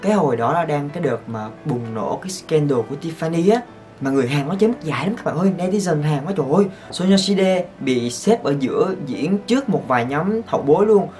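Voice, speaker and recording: A man, telling stories to his viewers as a vlogger in an excitable, gushing way. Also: a little high, fast talker, faint music behind. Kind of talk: casual storytelling to viewers.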